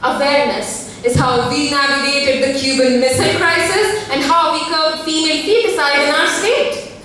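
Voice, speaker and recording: Echoey, high-voiced young Indian woman declaiming precisely. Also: steady tone, bright, forceful tone. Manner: precise, deliberate elocution. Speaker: student contestant in a declamation contest. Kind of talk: rehearsed formal declamation speech. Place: school hall at a speech contest. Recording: very echoey hall, distant mic, faint noise.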